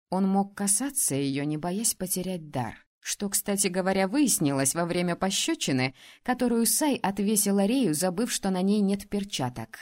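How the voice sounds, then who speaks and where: A woman's voice: fairly low pitch, a little mellow. Woman reading a story aloud. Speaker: audiobook narrator. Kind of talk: first-person story reading.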